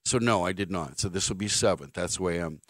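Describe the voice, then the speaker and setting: A deep-voiced man in his fifties talks fast as a sports talk radio host, mixing dry sarcasm with meandering stories. He's in a radio studio on a studio microphone, and the sound is studio quality with no echo.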